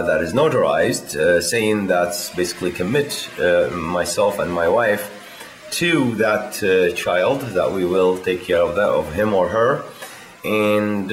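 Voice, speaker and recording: Low-voiced hesitant man. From Iraq. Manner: hesitant, halting, many filler sounds. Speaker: vlogger. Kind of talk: casual spoken video diary.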